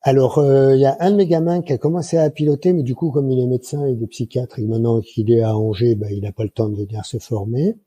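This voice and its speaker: Husky-voiced man in his sixties, dark tone. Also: mid-range voice, fast, hardly any pauses, no echo. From France. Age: 60s. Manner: colloquial, lively anecdotes with many fillers. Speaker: guest, microlight flight instructor. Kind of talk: casual interview storytelling.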